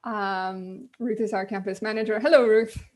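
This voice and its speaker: A woman's voice: mid-range voice, steady tone, moderate pace, a little mellow. A woman hosting a casual online panel on a video call, talking loosely and filling gaps with ums. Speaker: host.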